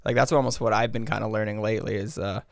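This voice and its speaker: Male podcast guest, American, raspy creaky vocal fry, slightly low voice, loose meandering conversational delivery. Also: steady tone, quick pace, no room sound, studio quality. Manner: rambling, hedging, self-interrupting. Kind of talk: casual interview chat.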